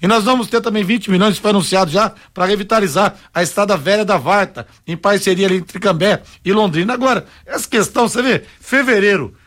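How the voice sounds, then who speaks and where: Brief: high-pitched radio co-host, indignant and joking, casual talk. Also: male voice, quick pace, few pauses, a bit bright. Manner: indignant, joking, reads listener messages.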